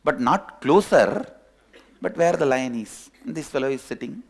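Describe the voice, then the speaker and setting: A man with an Indian English accent, a spiritual teacher telling a parable in an animated way and acting out its characters. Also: mid-range voice, moderate pace, gravelly. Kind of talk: storytelling sermon.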